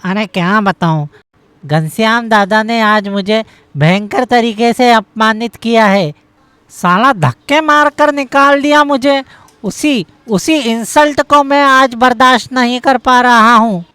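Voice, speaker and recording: A voice actor playing a hot-tempered young husband in a cartoon story, blustering and quick to rage. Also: medium pitch, bright, forceful tone, clear, resonant tone, no room sound. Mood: raging. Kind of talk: cartoon voice acting.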